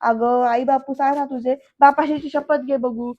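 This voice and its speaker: Woman doing a loud scheming uncle. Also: high-pitched, fairly even intonation, normal speed, muffled recording, natural voice. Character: scheming middle-aged uncle, loud and plotting.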